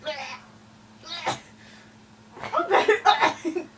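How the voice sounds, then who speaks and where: A woman's voice: very high-pitched, animated, very slow, a bit bright, recorded from a distance, slight background noise. Giggly woman doing a home puppet show. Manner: playful, giggly, teasing.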